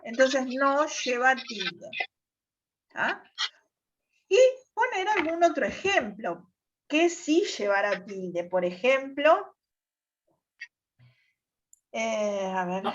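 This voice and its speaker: Lady teacher, high voice, talks slow and patient, muffled call audio. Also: a bit bright. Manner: patient, repeats "¿tá?" checks. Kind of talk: online class explanation. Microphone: video call. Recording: dull lo-fi video call audio.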